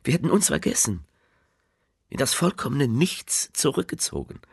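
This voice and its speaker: A tender letter writer in a radio play, his voice extremely deep and rough with fry. The tone is breathy and husky, and it sits bone-dry and close to the mic. He reads slowly, often drifting into a hushed half-whisper. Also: sing-song, dry recording, heavily acted. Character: male letter writer speaking tenderly to a loved one. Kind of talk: intimate literary reading, radio play.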